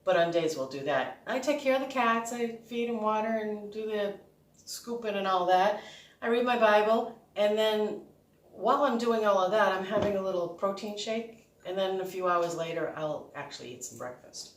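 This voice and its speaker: Chatty Boston woman, echoey and distant. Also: medium pitch. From Boston, United States. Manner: chatty, informal, rambling. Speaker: home cook and video host. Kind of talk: casual cooking vlog chat. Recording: echoey room, distant microphone.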